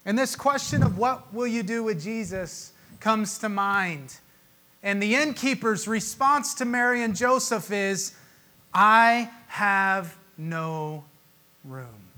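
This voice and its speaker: A male pastor preaching a Christmas sermon, emotional, with dramatic pauses and swelling emphasis. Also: high-pitched, bright, forceful tone.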